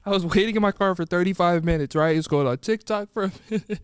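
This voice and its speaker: A man's voice: sits high, quick pace, clean tone, no echo, studio quality. A man on a podcast, choking up and teary, breaking into helpless laughter, coughs and whispers as he tries to tell a story. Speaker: podcast co-host. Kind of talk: casual chat. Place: indoor studio with mics. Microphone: close mic.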